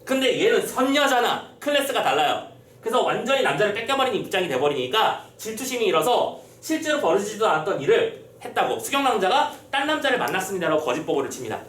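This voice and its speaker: A male teacher tells a classic tale in an exam-prep lecture. He speaks in a high, lively voice and acts out the characters' lines. The room echoes, the mic is distant, and faint room ambience sits behind him. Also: fast. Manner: animated storytelling, acting out quotes.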